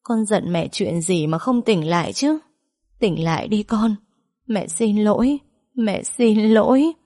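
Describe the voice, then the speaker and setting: A woman acts out an older mother breaking down in sobs at a hospital bed, her voice pitched high above her usual tone and strained with pleading. The tone is low in brightness, soft and mellow even through the crying. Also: takes it slowly. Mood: sobbing plea. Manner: sobbing, pleading. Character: grieving older woman begging her unconscious son.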